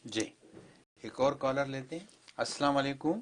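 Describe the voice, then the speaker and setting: A man hosting a call-in show, bringing in each caller with short, businesslike lines. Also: mid-range voice. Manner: brief, businesslike. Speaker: show host taking callers.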